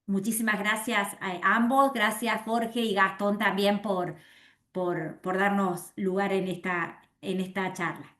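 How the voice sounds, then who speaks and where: Woman, mid pitch, university representative, formal closing remarks, halting, echoey room. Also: steady tone, fairly bright tone. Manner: halting, many restarts and fillers.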